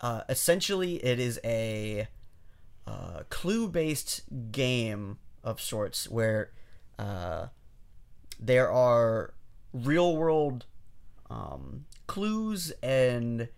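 A man with a gravelly edge to his voice talks on a casual podcast. He explains things in a hesitant, rambling way, stopping and restarting often. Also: mid-range voice, big pitch swings, extremely slow. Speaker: podcast co-host.

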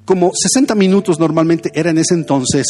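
A man's voice: on the high side, brisk, darkish tone, slight background noise. A young man, a pastor giving a conversational sermon full of personal stories. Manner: conversational, anecdotal preaching.

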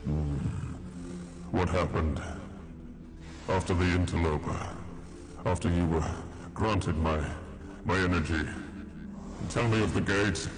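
A man voicing an ancient spirit inside a mortal's head in a tabletop game, with slow, theatrical menace. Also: deep voice, fairly even intonation, voice pushed down. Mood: ominous, menacing. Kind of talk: tabletop role-play acting.

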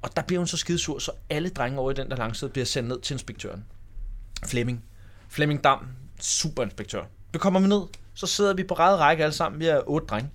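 A man's voice: on the high side, expressive, a bit bright. A man in his forties telling a school anecdote in a casual chat, acting out the people in the story. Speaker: podcast host.

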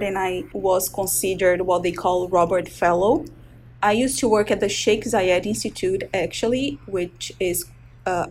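With a bit of background noise, a medium-pitched woman in her thirties from Brazil speaks in a Brazilian Portuguese accent. She's a resident physician giving interview answers about her research, defining medical terms with care and frequent hesitations.

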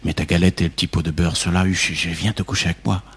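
A man's voice: sits low, flat delivery, fast talker, breathy edge, pitched below the performer's own voice, exaggerated voice. A man reading as a sly hungry wolf. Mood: soft.

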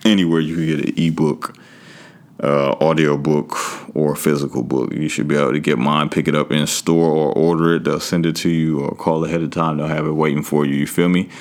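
A man's voice: very deep voice, level tone, brisk. A man hosting a podcast solo in a casual, slangy, conversational way, talking straight to his listeners. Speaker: podcast host.

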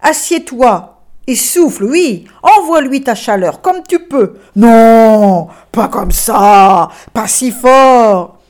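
A woman puts on a bossy old storybook ox who barks orders loudly, then drags each word out slowly. His voice sits fairly high and unhurried. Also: big pitch swings, heavily acted. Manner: loud, commanding, then slowing to coax.

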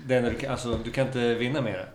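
A male interviewer in a relaxed conversation. He keeps his remarks brief and encouraging. His pitch sits in an ordinary middle range, and the room rings around him over clear background noise. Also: roomy sound. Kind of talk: casual podcast chat.

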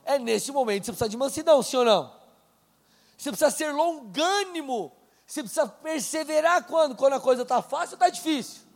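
A man preaching a sermon in a casual, conversational way, slowing down to read scripture aloud. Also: very high voice, expressive, in a large hall, faint music behind. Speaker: pastor. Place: church hall.

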